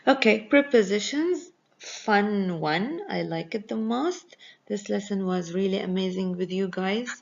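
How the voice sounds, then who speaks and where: Woman teacher, gravelly voice, slow patient explainer, lo-fi lesson recording. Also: mid-range voice. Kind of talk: recorded grammar review lesson. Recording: dull lo-fi recording.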